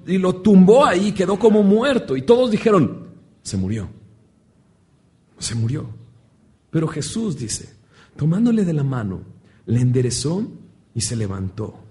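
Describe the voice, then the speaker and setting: A man's voice: sits high, darkish tone. A man preaching a sermon with passion, asking rhetorical questions and acting out the lines he quotes.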